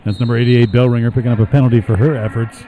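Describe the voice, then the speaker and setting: A man doing live play-by-play commentary at a roller derby bout, brisk and wry, slipping in dry jokes between calls. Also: medium pitch, level tone.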